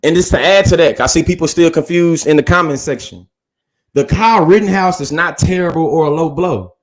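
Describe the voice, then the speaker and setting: A man with a slightly higher-than-usual voice talks through a debate in an earnest, reasoning tone. He strings long sentences together and keeps saying "literally" to drive home his points. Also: a little fast. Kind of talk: casual debate recap.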